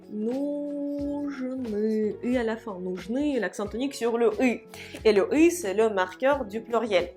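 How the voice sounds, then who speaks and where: A woman teaches an online language lesson in a slightly high voice. She walks through grammar step by step and says each example sentence slowly and with care, then says it again. A little soft music plays behind her. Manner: slow, deliberate repetition of example sentences.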